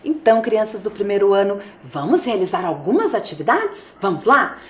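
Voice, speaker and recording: A woman's voice: medium pitch, very animated, moderate pace, reverberant. A woman with a Brazilian Portuguese accent, a primary school teacher giving a video lesson to young children, coaxing them along in a sing-song voice and drawing out her words.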